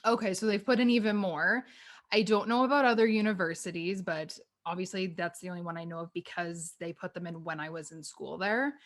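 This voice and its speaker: Podcast host: woman, mid-twenties, lower register, sincere and chatty. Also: fairly quick. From Canada. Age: 20s. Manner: earnest, many "like" fillers. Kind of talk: casual chat.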